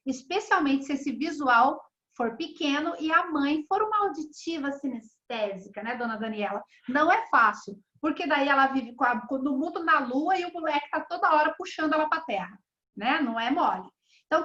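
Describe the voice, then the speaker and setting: A woman with a high, bright voice leads an online mentoring class as a therapist. She talks in a chatty, animated way and acts out bits of dialogue. The audio comes through a slightly dull video call.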